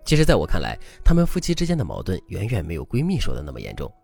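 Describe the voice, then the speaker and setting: A man's voice: low voice, wildly swooping pitch, racing, vocal fry, darkish tone, slightly rough. A man hosting a relationship advice show, narrating a couple's story and lecturing in a scripted way. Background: faint background music.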